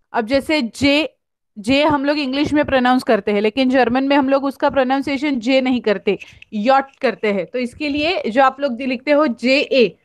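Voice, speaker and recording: A woman's voice: high voice, dry recording. A woman teaching German on an online class, explaining patiently and often checking with "right?". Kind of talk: online class lesson in Hindi and English.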